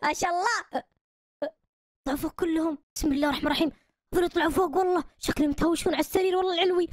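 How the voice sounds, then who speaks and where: A woman narrating a game role-play in a lively, bossy, laughing way. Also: very high-pitched, racing, no room sound, studio quality.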